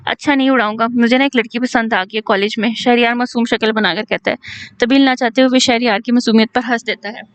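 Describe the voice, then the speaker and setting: A woman reading a romantic novel aloud, voicing all the characters in a steady storytelling read with an Urdu-inflected Hindustani accent. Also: on the high side, quick pace, clear, resonant tone, rough recording. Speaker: novel reader.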